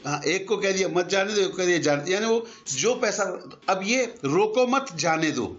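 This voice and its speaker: A man's voice: high-pitched, lively intonation, fairly bright tone, a little hiss or hum. An older man teaching Arabic grammar in a conversational lesson, patiently explaining with examples and mixing in English words. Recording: dull lo-fi recording.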